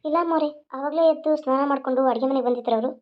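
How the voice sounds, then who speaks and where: A woman plays a dutiful household maid in a cartoon, her voice pitched high. She explains things in a plain, matter-of-fact way. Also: very fast, highs cut off, lightly acted. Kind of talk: cartoon voice acting.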